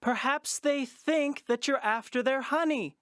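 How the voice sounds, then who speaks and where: A woman's voice: high-pitched, a little slow, no room sound, clean studio sound. A woman playing a kind, curious, sensible young boy in a children's audio drama, straightforward and questioning. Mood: helpful, frank.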